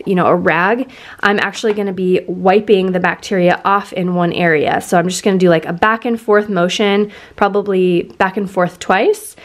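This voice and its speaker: Young woman chatting to her camera in the living room, easygoing, lots of "you know"s, medium pitch. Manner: chatty, relaxed, frequent fillers like "you know". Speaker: vlogger. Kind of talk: casual explaining to camera.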